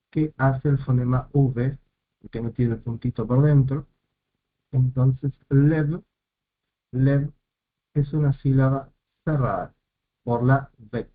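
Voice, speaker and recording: A male teacher explains a lesson step by step at an unhurried, deliberate pace. He repeats each term before moving on, in a voice of middling pitch. The recording is narrow and tinny, like a phone line. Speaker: Hebrew teacher.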